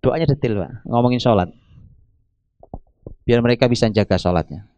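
A middle-aged man preaching a sermon, animated and emphatic, often addressing his listeners directly. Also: medium pitch, normal speed. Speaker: Islamic preacher.

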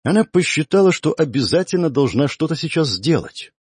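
Man reading an audiobook story, husky voice, lots of pitch movement, dry close mic. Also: sing-song, brisk, dry recording. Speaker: audiobook narrator. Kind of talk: first-person audiobook narration.

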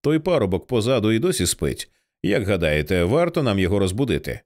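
A reader playing a steady male pilot in an audiobook thriller, giving calm, businesslike instructions in a fairly low voice. His delivery moves with lively pitch swings. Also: fairly quick. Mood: firm. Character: practical male airline pilot, firm and level-headed.

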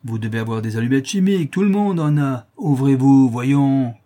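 A hulking drunken brute shouts and slurs his threats, as a man reads him. His husky, dark voice is pushed up high and loud. He comes across as menacing and bullying. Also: normal speed, close to an everyday voice. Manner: bellowing, threatening, slurred. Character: drunken lame brutish male neighbor.

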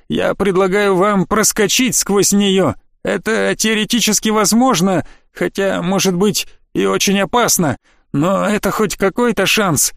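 A man's voice: high-pitched, creaky, a bit bright, dry recording, studio quality, pitched above the performer's own voice. A man voicing an old male professor in an audiobook, tender and resolute, ready to sacrifice himself. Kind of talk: audiobook reading.

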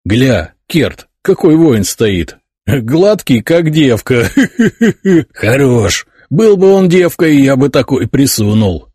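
A man's voice: medium pitch, very animated, slow pace, a little mellow, slightly rough, no echo, studio quality, pitched above the performer's own voice, full character voice. A man voicing a crude soldier who jeers coarsely. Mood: jeering. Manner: jeering, coarse.

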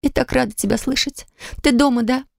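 A woman's voice: on the high side, steady tone, a little fast, darkish tone, dry recording, clean studio sound, voice pushed up, lightly acted. A woman voicing a tearful new young mother. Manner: breathless, tearful, apologetic. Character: young woman just given birth, emotional, tearful.

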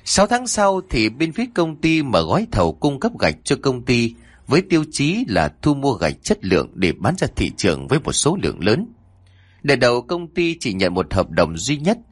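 A man telling a scripted horror story in a lively, dramatic way. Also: medium pitch, normal speed, dry recording.

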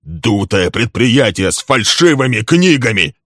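A man voicing a hot-tempered young man who shouts accusations at a rival in a storybook reading. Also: deep voice, animated, normal speed, dry recording, studio quality, exaggerated voice. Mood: furious.

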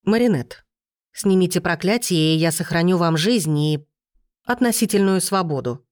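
Brief: stern male security chief, read by a woman, low-pitched, dry and close. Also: normal speed, warm tone, dry recording. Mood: commanding. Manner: authoritative. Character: commanding male head of security.

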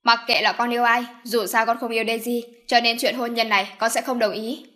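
An indignant young man arguing hard against his mother, as a woman narrator reads him. The voice stays fairly high and agitated throughout this audiobook scene. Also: steady tone, brisk, fairly bright tone, close to an everyday voice. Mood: protesting. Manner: protesting, agitated. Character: indignant young adult son. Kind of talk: audiobook character voice.

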